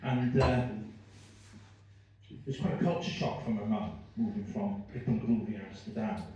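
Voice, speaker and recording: A man's voice: lowish voice, normal speed, warm tone, dull audio, slight background noise. A man with a Swansea Welsh accent doing stand-up, rambling, self-deprecating and sweary as he banters with the audience. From Swansea, Wales. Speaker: stand-up comedian. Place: live comedy venue with small audience. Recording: very echoey room, distant mic.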